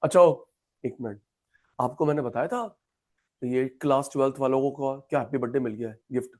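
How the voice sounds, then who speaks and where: A man's voice: medium pitch, a little fast, darkish tone. A man teaching an economics class, chatty and repetitive, calling students by name. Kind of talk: classroom lecture.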